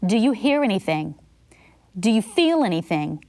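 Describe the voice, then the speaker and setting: A woman giving scripted CPR instruction, calm and clear, coaching step by step. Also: mid-range voice, moderate pace.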